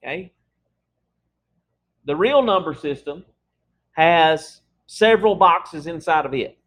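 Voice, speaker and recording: Taking it slowly, a man teaches math in a casual lecture, his fairly high, expressive voice a bit bright. He works through examples and keeps checking in with his students with "okay?"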